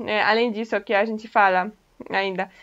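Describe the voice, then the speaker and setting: Bright-voiced woman teaching a language. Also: medium pitch, steady tone, moderate pace. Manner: patient, explains step by step, often checks in with "ok?". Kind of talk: casual online language lesson. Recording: dull lo-fi recording.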